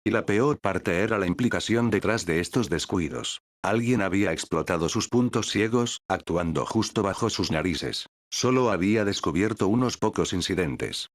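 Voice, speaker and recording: A man reading a fan fiction story as scripted audiobook narration, in an even, steady manner. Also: low-pitched, moderate pace, few pauses, no room sound.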